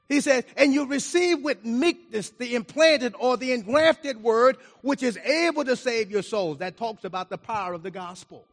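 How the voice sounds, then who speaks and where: High-voiced man preaching in a reverberant hall. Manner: emphatic, rising and falling in volume. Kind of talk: sermon.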